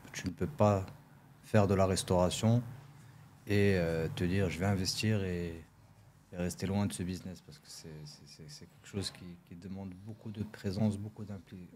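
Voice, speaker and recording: A low, mellow-voiced man from Morocco talks as a guest on a studio podcast, with faint room sound behind him. He often hesitates, repeats himself and hunts for the right word. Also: steady tone, normal speed, slight background noise. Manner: hesitant, searches for words, many restarts. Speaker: restaurant owner, guest. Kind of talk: casual interview.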